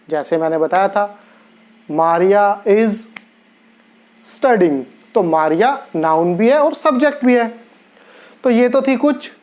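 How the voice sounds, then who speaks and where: A man teaching a grammar lesson step by step, deliberately repeating key words for his learners. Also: high-pitched. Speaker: Spanish teacher.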